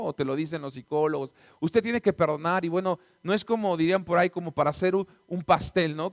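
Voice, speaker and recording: Mexican pastor, sermon delivery, slightly high voice, teacherly with rhetorical check-ins. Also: male voice, dry recording, studio quality. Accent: Mexican Spanish. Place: church.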